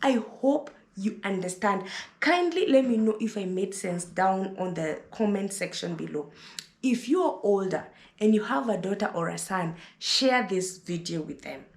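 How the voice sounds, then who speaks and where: A woman in her thirties with a Kenyan accent talks to her viewers in a motherly, lecturing way, often calling for them to listen and repeating words for emphasis. Her voice sits at a middle pitch. The room she records in is echoey. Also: animated, moderate pace. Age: 30s. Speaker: vlogger giving advice. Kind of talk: casual advice monologue to camera.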